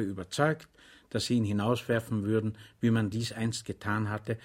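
A man narrating an audiobook in a measured storytelling manner. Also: on the low side. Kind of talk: audiobook reading.

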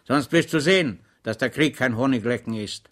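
A man reading aloud, voicing a cheerful, easygoing soldier servant with a lively, blustering manner. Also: mid-range voice, normal speed, close to an everyday voice.

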